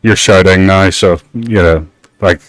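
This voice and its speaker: A man running a tabletop game as game master, narrating with lots of fillers and halting restarts. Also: sits low, no room sound, low-quality recording. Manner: halting, filler-heavy, laughs easily.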